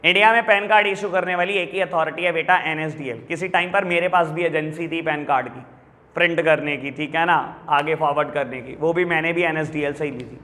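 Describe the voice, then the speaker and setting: A middle-aged man with an Indian accent teaching a business studies class in a lecture style, mixing Hindi and English and slowly repeating key terms for his students. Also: a little high, pushed and bright. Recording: echoey room with long reverb.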